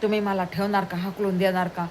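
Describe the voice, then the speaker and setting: A woman's voice: medium pitch, level tone, fast, darkish tone, slight background noise, lightly acted. A woman voicing a remorseful young servant woman in a told story, pleading anxiously for forgiveness.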